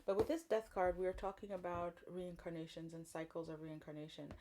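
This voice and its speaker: A woman from Congo leads a spiritual tarot card reading, her voice sitting a little low. She speaks gently and thoughtfully, pausing often and filling gaps with soft ums as she turns over each card. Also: little pitch movement, background noise. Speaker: tarot reader.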